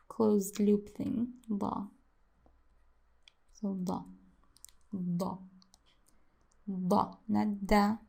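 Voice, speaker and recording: A language teacher with a warm, husky, medium-pitched voice and vocal fry shows how to write and pronounce letters in a casual lesson. She repeats each sound many times and muses aloud as she draws.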